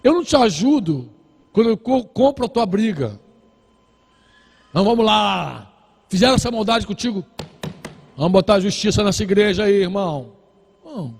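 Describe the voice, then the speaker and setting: A male pastor delivers a sermon with a high voice, pressing his points home through repetition. The tone is dark and a little husky. The sound carries a long reverb from a church hall. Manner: exhorting, repetitive, acts out dialogues.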